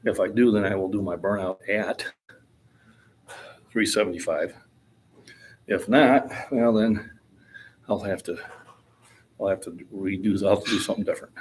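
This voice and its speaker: This fitness vlogger, a man in his sixties, talks casually in a gym about his lifting. His fairly low voice has fairly even intonation and a moderate pace, broken by long pauses, with slight background noise. He's plainspoken and rambling and chuckles easily.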